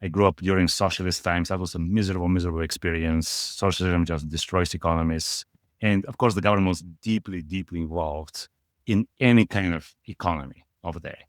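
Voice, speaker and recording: The middle-aged Bulgarian guest, a portfolio manager in a conversational interview, keeps a steady tone in a low voice and speaks fairly quickly. With his Bulgarian accent, he repeats words for emphasis. The sound is clean studio audio with no room sound.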